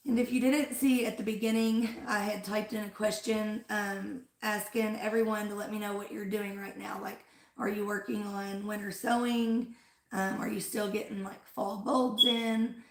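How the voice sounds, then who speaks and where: Speaking at normal speed with a medium, barely moving pitch, a woman runs a flower-farm livestream. She chats and rambles with frequent "like" and "um," her voice strained after an illness, in a room with echo.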